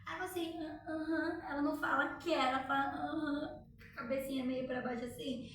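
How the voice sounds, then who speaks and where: Speaking quickly in a high-pitched, slightly bright voice with fairly even intonation, a mom tells her viewers a story from home and frequently asks for their reactions. She's far from the mic in a very echoey room, with slight background noise.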